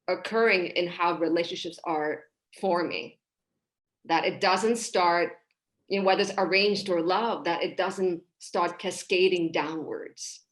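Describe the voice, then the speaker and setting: This podcast guest is a relationship coach from Hong Kong, a woman in her thirties on a video call from a small room. With a lowish voice, she talks warmly and expressively in a casual, heartfelt manner, gesturing freely while she lays out her ideas.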